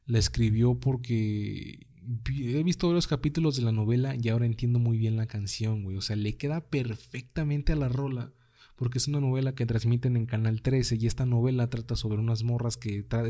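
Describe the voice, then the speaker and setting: Casting: young Mexican man, podcast host, low and mellow tone, loose and slangy, swears freely. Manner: slangy, swears freely, says "güey" constantly. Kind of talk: casual solo podcast monologue.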